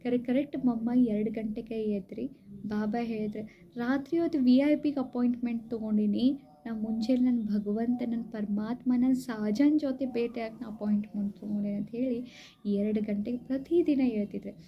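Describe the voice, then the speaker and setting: A woman giving a devotional talk, retelling stories conversationally and addressing listeners warmly with frequent polite asides. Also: a little high, steady tone, normal speed. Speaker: spiritual speaker. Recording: slightly dull recording with faint background hiss.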